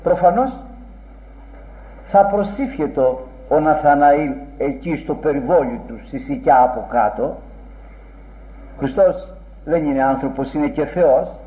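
A man with a high-pitched voice delivers an earnest, rhetorical sermon, leaning on old-fashioned phrasing. The recording is dull and muffled, and it rings in a roomy space. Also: pauses often. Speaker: preacher. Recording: dull, echoey room recording.

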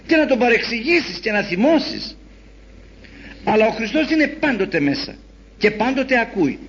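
A man preaching a sermon in an animated storytelling way, acting out the voices he quotes. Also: very high voice, husky. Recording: dull lo-fi recording.

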